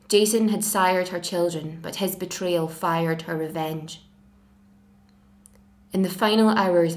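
A 21-year-old woman from Scotland with a Glasgow accent, reading a passage aloud in a measured, careful way and introducing herself. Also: fairly low pitch, a little mellow. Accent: Glasgow Scottish.

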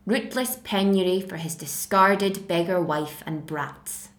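A woman's voice: on the low side, measured pace, echoey room. A 21-year-old woman with a Glasgow accent acting out a betrayed, scornful sorceress queen in a raised, sarcastic dramatic monologue. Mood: bitter, scornful. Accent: Glasgow Scottish.

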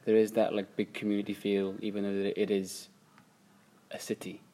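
A man's voice: lowish voice, flat delivery, normal speed, warm tone. A man of twenty-five with a Cardiff Welsh accent, chatting casually and unscripted. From Cardiff, Wales.

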